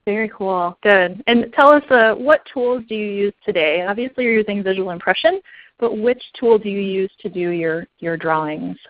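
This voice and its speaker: A woman's voice: mid-range voice, normal speed, dry recording. A woman hosting a webinar interview, upbeat and encouraging, talking casually with a few fillers. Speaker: webinar host. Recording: muffled lo-fi online call audio.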